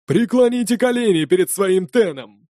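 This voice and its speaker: A man's voice: high-pitched, expressive, moderate pace, mellow, no echo, clean studio sound, pitched above the performer's own voice. A man voicing a stern male viking elder who speaks in a commanding, formal way in an audiobook.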